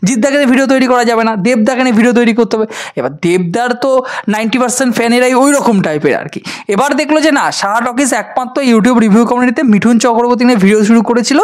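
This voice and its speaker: A man's voice: very high voice, very fast. A man, a film-review vlogger ranting sarcastically to camera and scolding his critics. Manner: sarcastic, scolding, addresses viewers directly. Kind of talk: ranting direct-to-camera vlog.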